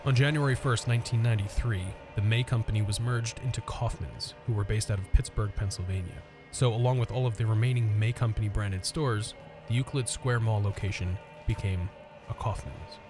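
A man narrating the history of an abandoned mall as a scripted voice-over, measured and informative. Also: on the low side, music in the background. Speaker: urban exploration vlogger narrating history.

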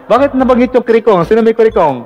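A man hosting a casual live call-in vlog, chatty and teasing, filling pauses with "ayan". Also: very high-pitched, animated, lo-fi sound, over music. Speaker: vlog radio-style host taking callers.

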